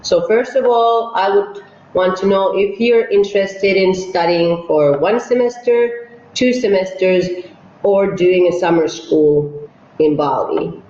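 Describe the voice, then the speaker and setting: A woman's voice: mid-range voice, a little slow, warm tone. A woman from Finland, an operations manager, hosting an online webinar and walking viewers through polls and a presentation. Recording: echoey, dull webinar audio.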